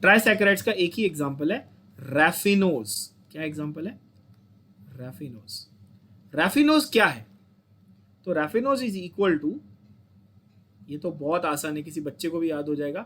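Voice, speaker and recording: A man's voice: on the high side, lively intonation, normal speed, a bit bright, a little hiss or hum. A young Indian man teaching a chemistry lecture, coaxing his students, repeating points and asking them to say them back. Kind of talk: online lecture.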